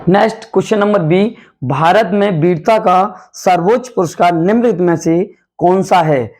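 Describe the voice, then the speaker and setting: A coaching teacher with a Hindi accent runs a quick quiz-style revision lesson, calling his students "beta" and repeating every question and answer. His high, slightly mellow voice is hoarse from night classes.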